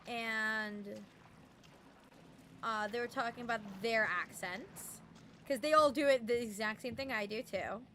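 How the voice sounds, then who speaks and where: A young adult game streamer talks at a measured pace in a medium-pitched, fairly bright voice, rambling through casual live-stream chat. "Um" and "like" crop up constantly, and the streamer enjoys doing playful voices and mimicry; there's slight background noise.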